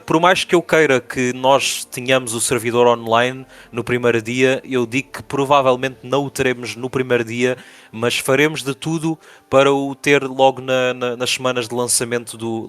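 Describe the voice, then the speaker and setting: A man's voice: mid-range voice, a bit bright. Hesitant Portuguese man with European accent. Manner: hesitant, many fillers and restarts. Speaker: project spokesperson. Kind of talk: interview answers.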